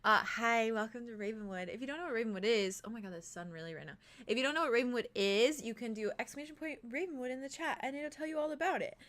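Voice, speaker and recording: A woman hosts a tabletop game livestream in a playful, excitable manner. Her voice is bright and sharp, pitched a little high, and her chat is casual, giggly and full of slang. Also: fast. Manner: casual slangy speech with swearing. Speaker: game master and stream host.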